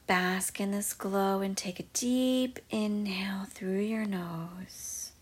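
A woman guiding a meditation in a soft, slow, mostly whispered voice. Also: medium pitch, steady tone, husky. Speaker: meditation guide. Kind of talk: guided meditation.

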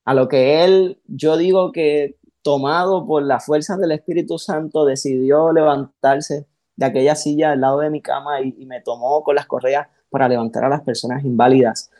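A man with a dark, mellow voice telling his life story in an interview. He speaks with feeling and acts out the people he quotes, often repeating words as he goes. The sound is dry and close. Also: on the high side, dry recording, rough recording. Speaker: pastor, interview guest. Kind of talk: emotional personal testimony.

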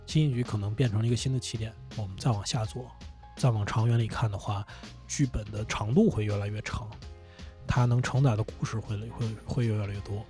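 A podcast guest with a lowish voice talks fairly quickly about running a comedy company in a casual interview recorded in an indoor studio. He's animated, laughing and swearing when he gets excited. Soft music plays in the background.

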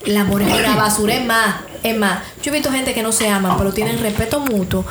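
A woman's voice: mid-range voice, fast, echoey room, background noise. A woman hosting a podcast, lecturing her listeners emphatically in casual debate. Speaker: podcast host.

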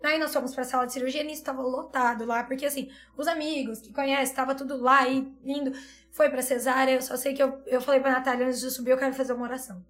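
High, fast-talking woman. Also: level tone, a bit bright. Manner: earnest, tumbling storytelling with repeated phrases. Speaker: pediatrician. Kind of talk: emotional personal story in a podcast chat.

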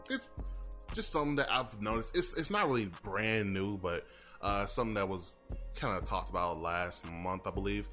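A man's voice: fairly low pitch, expressive, normal speed, bright, forceful tone, faint music behind. A man hosting a casual podcast, laid-back and loose, stumbling over repeated words. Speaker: podcast host. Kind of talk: casual chat.

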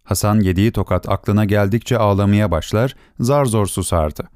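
A man narrating a story for an audiobook in a measured, expressive storytelling manner. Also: lowish voice, no room sound, clean studio sound. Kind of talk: scripted narration.

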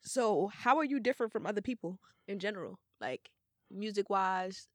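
A woman's voice: mid-range voice, expressive, moderate pace, no echo, studio quality. A woman host with a stuffy, congested nose from a cold, chatting and interviewing casually in blunt, teasing slang. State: sick with congestion. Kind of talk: casual, explicit banter and interviewing.

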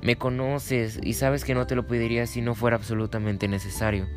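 A man's voice: medium pitch, flat delivery, fairly quick, faint music behind, lightly acted. A man voicing a polite, exhausted young donkey who pleads, in a children's storybook reading. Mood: polite pleading.

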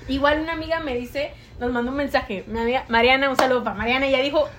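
Young Mexican woman, high and bright-sounding, slangy and quick to laugh; casual podcast co-host. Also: steady tone, a little hiss or hum. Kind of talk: casual chat.

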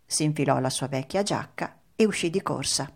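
A woman narrating a children's storybook in an expressive, lively read-aloud manner. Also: low voice, normal speed, gravelly.

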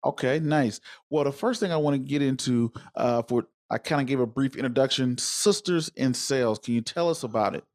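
A man's voice: medium pitch, fairly quick, hardly any pauses, darkish tone. A man hosting a casual live interview, talking in an informal, wordy and rambling way. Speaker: interviewer and host.

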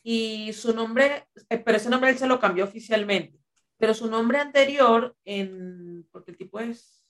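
A woman's voice: a little high, a little slow. A woman, co-hosting a podcast and retelling a story in casual chat, rambling with filler phrases. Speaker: podcast co-host.

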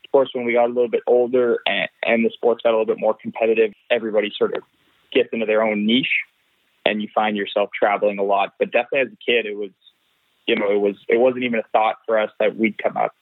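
This low-leaning male voice barely moves in pitch and runs fast. He's a race car driver from Canada doing a phone interview, tending to repeat words while he gathers his thoughts, and the line sounds thin, dry and echo-free.

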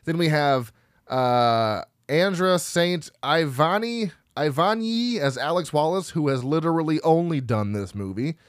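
A man's voice: on the high side, expressive, measured pace, no room sound, clean studio sound. A man co-hosting a podcast, casually reading through film credits, rambling and laughing at himself as he stumbles over names. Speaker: podcast co-host.

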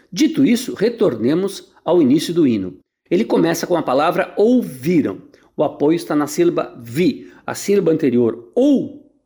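A man's voice: a little high, dark tone. A man with a Brazilian Portuguese accent, a conductor answering listeners' questions on the radio in a patient, didactic way, now and then singing short melody examples.

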